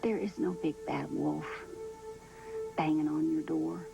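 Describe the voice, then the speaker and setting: An actress playing a down-to-earth mother who comforts her daughter in a soft, homespun way. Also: low voice, steady tone, a little slow, gravelly, full character voice, rough recording. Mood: soothing. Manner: soothing, homespun, soft-spoken. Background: faint background music.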